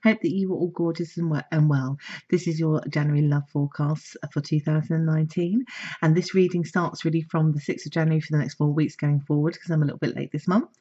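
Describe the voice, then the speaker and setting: A woman psychic reader giving a casual horoscope forecast, chatty and animated, laughing often and acting out imagined conversations. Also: deep voice, fast, husky, dull audio.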